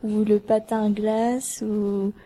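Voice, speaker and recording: A woman's voice: medium pitch, little pitch movement, slow pace, dark tone, rough recording. A woman student guest explaining matter-of-factly on school radio.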